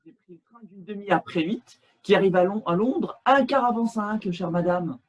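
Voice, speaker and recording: A man playing a stiffly polite English gentleman in an absurdist stage scene, speaking in a halting, ceremonious way over a video call. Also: high voice, rough recording. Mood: formal. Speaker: amateur actor.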